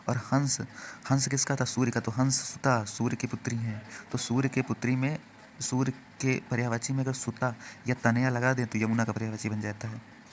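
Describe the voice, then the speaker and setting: A man teaching exam vocabulary in an even, steady voice. He repeats each word and keeps asking questions that he answers himself. Faint noise sits under the recording. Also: mid-range voice. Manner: repeats words, quizzes listeners, answers own questions. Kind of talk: exam-prep Hindi vocabulary lesson.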